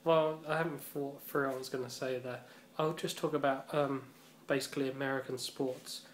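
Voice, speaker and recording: A man's voice: medium pitch, fairly even intonation, normal speed. A man rambling through a casual vlog monologue, swearing freely and leaning on fillers like "you know" and "um". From Britain. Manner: rambling and profane, heavy on fillers. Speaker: vlogger. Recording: echoey room with faint ambient noise.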